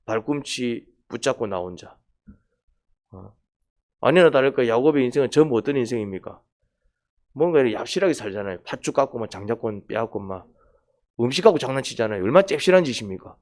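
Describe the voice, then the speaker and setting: A man's voice: medium pitch, lively intonation, fairly quick, a little mellow. Middle-aged male pastor, casual and questioning sermon delivery. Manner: conversational preaching, questions the congregation, acts out quoted lines. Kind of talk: sermon at a Wednesday prayer meeting.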